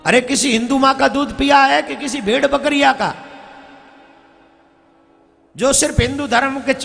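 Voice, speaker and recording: High-voiced man preaching in an echoey hall. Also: gravelly, fairly bright tone. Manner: scolds and exhorts the audience; acts out characters in the story. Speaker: religious storyteller. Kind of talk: devotional sermon to a live crowd.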